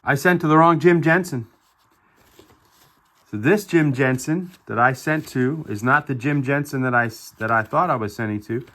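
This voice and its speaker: A middle-aged man with a bright, forward voice talks through his finds in a relaxed show-and-tell style. He sounds upbeat and enthusiastic, tossing in chatty asides as he goes. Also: mid-range voice, moderate pace. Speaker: card collector vlogger. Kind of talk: casual show-and-tell narration.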